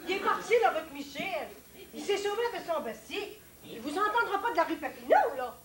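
A woman playing a sharp-tongued Québécois neighbour. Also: very high voice, expressive, a little fast, a little hiss or hum. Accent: Québécois French. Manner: mocking, bossy. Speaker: stage actor. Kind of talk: amateur stage acting. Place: theatre stage. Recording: echoey stage audio.

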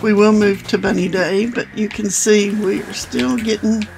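A woman's voice: mid-range voice, fairly even intonation, normal speed, gravelly, music in the background. An older woman hosting a gaming channel, chatting casually as she plays and talking to the characters. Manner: chatty, talks to game characters. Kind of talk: casual gameplay commentary.

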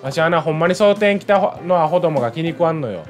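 A man's voice: a little high, expressive, fast talker, faint music behind, lightly acted. A man with a Kansai accent voicing a brash, tough boy, the son of a gang boss, as he reads game dialogue aloud. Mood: gruff. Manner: gruff, defiant.

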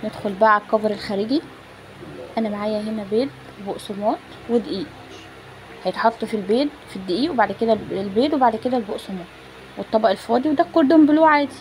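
On a phone recording with clear background noise, a woman with an Egyptian accent narrates a home cooking tutorial, presenting her recipe and chatting casually and directly with her viewers. Her voice is a little high and darkish, she speaks very fast, and the recording is rough.

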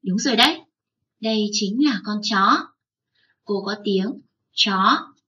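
A woman teaching young children, spelling out sounds slowly and drawing out each syllable. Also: medium pitch, sharp tone, distant mic, lo-fi sound. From Vietnam. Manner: slow, drawn-out spelling aloud. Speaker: first-grade teacher.

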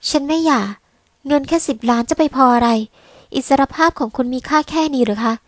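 A woman voicing a spoiled young wife who speaks in a shrill, high-strung, desperate way. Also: a little fast, no room sound, close to an everyday voice. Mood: furious.

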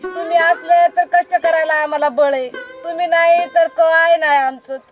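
Woman doing a devoted farmer's wife, pleading soft and high, music behind. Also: steady tone, normal speed, muffled recording. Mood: comforting. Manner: pleading, soothing, repeats "dhani".

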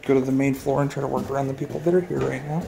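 Racing through the narration, a man with a creaky, medium-pitched voice and steady tone films a large unfinished house on his phone. Inside, he plainly calls out rooms in passing as a casual tour guide, over background noise.

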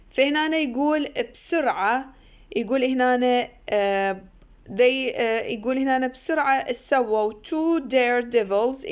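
A woman lecturer, explaining an English text line by line in with many pauses and fillers. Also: fairly high pitch. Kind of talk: recorded university lecture. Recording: muffled lo-fi recording.

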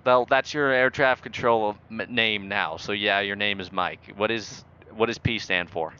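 Through muffled voice chat and faint background noise, a man plays a mock-authoritative air traffic controller in a flight sim game, bossy and sarcastic. His voice is on the low side, clear and resonant with a sharp edge, at a moderate pace.

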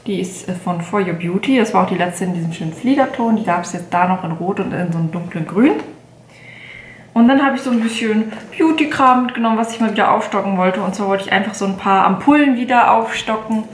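A woman's voice: mid-range voice, a little fast, roomy sound, a little hiss or hum. A woman in her late twenties chatting casually in a haul vlog, rambling with many fillers and self-corrections. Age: 20s. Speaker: beauty vlogger. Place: bedroom at home, indoors.

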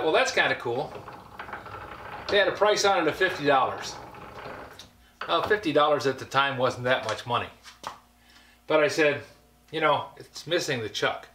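Giving a folksy, meandering tour of his cluttered basement workshop, an older woodworker tells stories peppered with dry asides. His mid-range voice comes across bright and forceful, while the echoey room recording carries a little hiss or hum.

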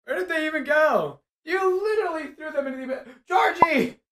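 A man in casual gameplay chat, playful and excitable, his voice jumping from low mutters to high calls. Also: fast talker. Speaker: VR game streamer.

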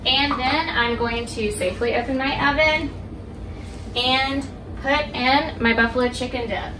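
A young woman giving a step-by-step cooking demonstration in her home kitchen, explaining each step clearly to the viewer. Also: high-pitched, unhurried, far from the mic. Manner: clear, instructive, addresses viewer directly. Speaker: cooking instructor. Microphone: camera across the kitchen. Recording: echoey kitchen, voice from off-mic, household noise.

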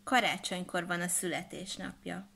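A woman voicing a shy, sad young princess girl who speaks softly and gently in a storybook reading. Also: lowish voice, fairly even intonation, vocal fry, husky, full character voice. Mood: wistful.

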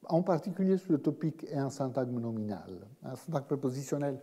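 A man giving an academic seminar lecture in a measured way, pausing often and restarting his phrases. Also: medium pitch, dark tone, breathy edge. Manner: measured, frequent hesitations and restarts. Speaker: guest lecturer. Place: lecture hall. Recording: long reverb of a lecture hall.

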